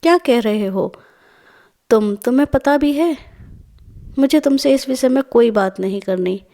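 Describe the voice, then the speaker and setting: A woman's voice: high voice, expressive, unhurried, warm tone. A woman voicing a young married woman, hurt and stern, who speaks in a firm, scolding way in a storybook tale.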